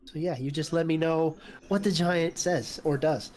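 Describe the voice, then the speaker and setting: A man's voice: on the high side, fairly even intonation, normal speed, a little mellow. A man chatting casually as a player in a tabletop role-playing game. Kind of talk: casual chat during a game.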